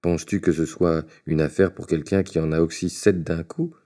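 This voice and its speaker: A man's voice: deep voice, fairly even intonation, moderate pace, dark tone, natural voice. A man reading aloud, voicing a cocky, boastful little tailor in a storybook tale.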